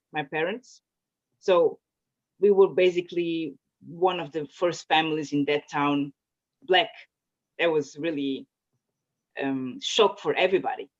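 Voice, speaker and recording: A woman from Portugal, a native Portuguese speaker, answering interview questions in a casual, hesitant way with many fillers and restarts. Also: sits low. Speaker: interview guest. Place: home in Zurich. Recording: muffled lo-fi audio.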